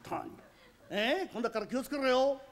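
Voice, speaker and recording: A man playing a gruff but kindly middle-aged uncle with an Edo Tokyo accent, in rakugo storytelling, rough and scolding. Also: very high-pitched, a little fast, a little hiss or hum, voice pushed up. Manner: rough scolding, then fatherly advice.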